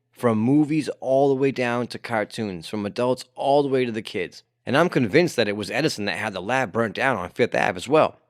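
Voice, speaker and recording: A man's voice: medium pitch, no echo, studio quality. Casual, profane man telling history. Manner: profane, conversational, frequent "you know". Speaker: podcast host. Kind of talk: casual storytelling podcast.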